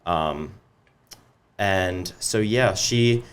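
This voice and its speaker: A young man with a very low voice talks casually as a podcast guest. He is relaxed and loose, and he fills his sentences with ums and likes. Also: very slow, smooth. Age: young adult. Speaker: guest business owner. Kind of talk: casual interview talk.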